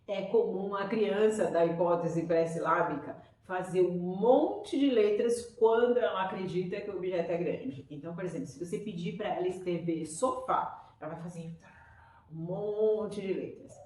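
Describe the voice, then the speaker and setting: A woman's voice: fairly low pitch, normal speed, dark tone. A woman teacher with a Brazilian Portuguese accent, explaining children's reading stages to parents in an enthusiastic, chatty way. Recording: echoey room, voice from far off.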